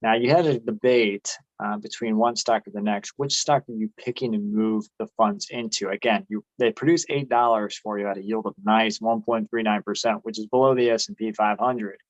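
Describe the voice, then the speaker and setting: A man's voice: lowish voice, fairly even intonation, moderate pace, few pauses, no echo, muffled recording. A man co-hosting an investing chat, brash and hyped as he pumps up the viewers. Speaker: co-host of a dividend investing channel. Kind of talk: casual chat.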